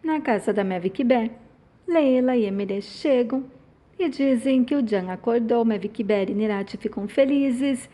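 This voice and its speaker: A woman's voice: fairly high pitch, unhurried, warm tone. A woman with a Brazilian accent casually retelling a soap opera plot, quoting each character's lines one after another. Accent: Brazilian Portuguese. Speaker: channel host recapping a soap opera. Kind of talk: casual spoken plot recap.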